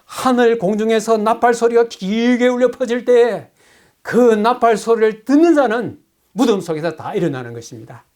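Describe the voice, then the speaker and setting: Brief: male pastor with a high voice, preaching a sermon, asks questions and answers them himself. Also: lively intonation, a little mellow. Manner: reads scripture aloud slowly.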